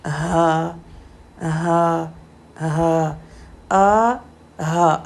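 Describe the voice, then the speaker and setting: A woman teaching Quranic letter pronunciation, explaining slowly and demonstrating throat sounds with repeated drawn-out syllables. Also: mid-range voice, gravelly, darkish tone, slight background noise. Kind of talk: slow step-by-step pronunciation lesson.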